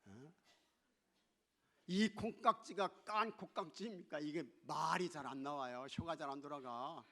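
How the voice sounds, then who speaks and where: High-voiced pastor preaching playfully. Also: male voice, a little slow. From not from Chungcheong. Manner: playful, swings from loud calls to hushed asides, mimics regional dialects. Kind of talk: sermon. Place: church sanctuary.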